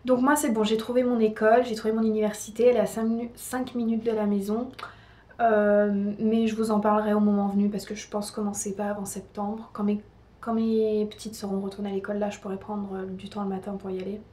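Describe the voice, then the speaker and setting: A woman's voice: medium pitch, little pitch movement, brisk, warm tone. A young woman from France giving a casual monthly update to her viewers, chatty and full of hesitations and restarts. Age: young adult. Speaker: vlogger.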